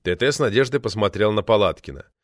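Male audiobook narrator, lively delivery. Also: fairly low pitch, quick pace, no room sound, clean studio sound. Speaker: audiobook reader.

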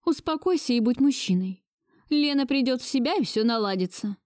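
A domineering elderly grandmother, imperious and shrill, acted by a woman reading an audiobook. Her voice sits high and cutting, recorded dry and close with no room around it. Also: expressive, a little fast, darkish tone, no room sound.

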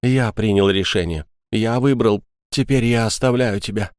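A man's voice: fairly low pitch, normal speed, a little mellow, smooth, no room sound, clean studio sound, close to an everyday voice. A man voicing an agitated young man, torn between fear and anger, who snaps and pushes through his words. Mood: resolute. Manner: agitated, snapping. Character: agitated young male friend, scared and angry.

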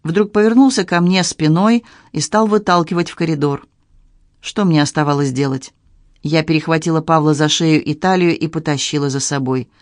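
Guy reading an audiobook, slightly high voice, calm and even, dry close mic. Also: normal speed, no echo. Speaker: audiobook narrator. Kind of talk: scripted narration.

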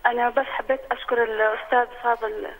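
Fast woman calling over the phone. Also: a little high, little pitch movement, low-quality recording. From Saudi Arabia. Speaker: caller. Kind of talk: call-in to a TV show.

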